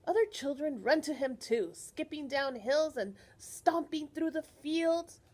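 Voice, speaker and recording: With a high voice, a librarian reads a picture book to young children, animated and teacherly, pausing often to put questions to her listeners.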